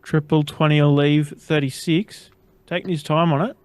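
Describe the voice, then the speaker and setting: A man giving casual live darts commentary, describing play in a relaxed, conversational way. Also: a little high, moderate pace, no echo.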